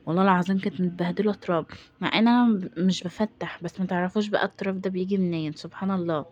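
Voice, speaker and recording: A woman's voice: fairly low pitch, a little mellow, lo-fi sound. A young woman with an Egyptian accent chatting casually in a home vlog, exasperated and self-deprecating. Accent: Egyptian Arabic. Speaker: home vlogger.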